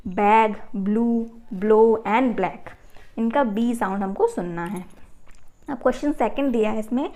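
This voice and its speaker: A woman teacher explaining a school lesson in a patient, step-by-step way. She reads the passages slowly and clearly. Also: a little high.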